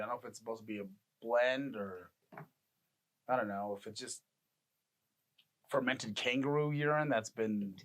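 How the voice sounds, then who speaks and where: A man's voice: mid-range voice, fairly bright tone. A man in his thirties co-hosting a casual podcast, rambling and laughing often. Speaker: podcast co-host. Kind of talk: casual chat.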